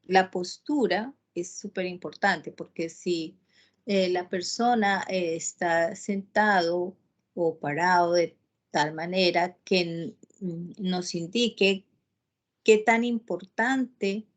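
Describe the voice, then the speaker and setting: A woman teaching an online class, talking slowly with many pauses, "eh" fillers and restarts. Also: on the low side.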